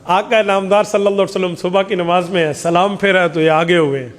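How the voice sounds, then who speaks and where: A man's voice: high voice, steady tone, in a large hall. A man preacher telling a story dramatically in an Islamic sermon.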